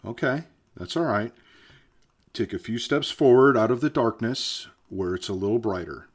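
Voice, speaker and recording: An actor playing a weary man filming himself as the world ends, talking hesitantly and later guiding a hypnosis in a slow, soothing voice. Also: medium pitch, slightly rough, close to an everyday voice. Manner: hesitant, with fillers and restarts. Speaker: vlogger. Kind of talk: found-footage vlog acting.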